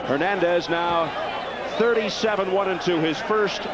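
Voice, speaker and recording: Man, live boxing commentary, raised high pitch, ringside, deafening crowd. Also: a little slow. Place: ringside broadcast position in an arena. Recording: very loud crowd roar and noise.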